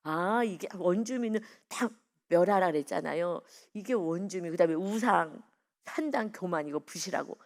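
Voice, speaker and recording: A woman's voice: on the low side, expressive, normal speed. A woman pastor giving an early-morning devotional sermon in a conversational way, telling personal stories and putting questions to the congregation.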